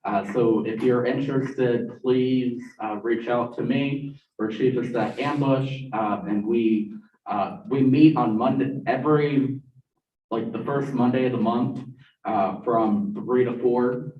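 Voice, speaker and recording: A man's voice: medium pitch, steady tone, slow pace, a little hiss or hum. A young man gives his report to a student meeting in a loose, joking way, with a lot of "uh" in his talk. His voice carries from far off in an echoing room. The sound is dull. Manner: casual, joking, many "uh" fillers. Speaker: student government officer for academic affairs. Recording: muffled, echoey room, distant mic.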